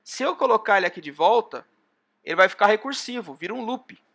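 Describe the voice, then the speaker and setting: Bright, high-voiced Brazilian lecturer. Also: male voice, animated, brisk, creaky. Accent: Brazilian Portuguese. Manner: explains step by step, often pointing with "ó". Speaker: university lecturer. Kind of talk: online class lecture.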